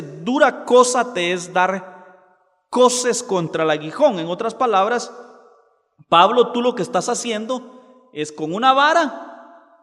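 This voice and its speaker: A man preaching a sermon, slowing down to quote scripture dramatically. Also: high-pitched, fairly bright tone, big-room sound. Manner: preaching with dramatic slow quotations.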